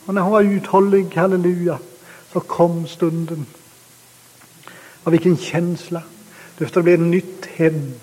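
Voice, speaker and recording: High-voiced guy preaching hard, hallelujahs everywhere, big echoey church hall. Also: little pitch movement, long pauses, a little mellow, husky. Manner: fervent, repeated hallelujahs, rising to high emotional peaks. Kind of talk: sermon and prayer.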